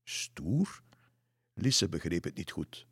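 Male narrator, dry close sound, low and husky, calm reading. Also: unhurried, no echo. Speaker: storyteller. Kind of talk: reading a children's story aloud.

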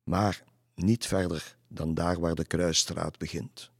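A man's voice: deep voice, little pitch movement, slow, gravelly, slightly rough, dry recording, studio quality, exaggerated voice. A man voicing a mocking, shape-shifting male fiddler spirit who taunts people in a folk tale. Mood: bossy, scornful.

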